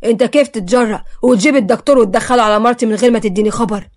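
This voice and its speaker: A woman's voice: fairly high pitch, fairly even intonation, lightly acted. A woman voicing a stern, jealous Upper Egyptian husband with an Upper Egyptian accent who speaks harshly and threateningly in a storybook reading. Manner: harsh, threatening, slow and heavy.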